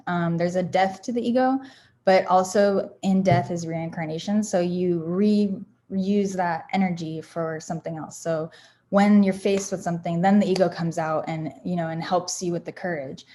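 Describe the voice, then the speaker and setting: Her voice is lowish and dark in tone. In a relaxed motivational talk, this founder shares self-help affirmations candidly, rambling with lots of fillers and restarts.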